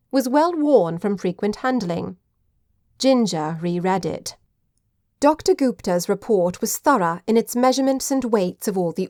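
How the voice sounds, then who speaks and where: A woman reading audiobook narration in a measured, even way. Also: medium pitch, dry recording, studio quality. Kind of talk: scripted narration.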